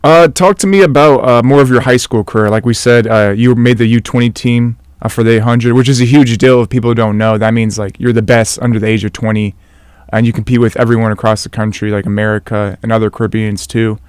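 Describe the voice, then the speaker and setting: Young man hosting a relaxed podcast. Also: mid-range voice, a little fast, smooth, no echo, clean studio sound. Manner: relaxed, filler-heavy questions. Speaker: podcast host. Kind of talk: casual interview.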